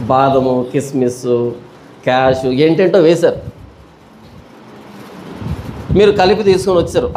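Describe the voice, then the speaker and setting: High-voiced male pastor preaching. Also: a little mellow, a little hiss or hum. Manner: rhetorical, repeats his questions; colloquial storytelling examples. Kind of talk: Bible study sermon.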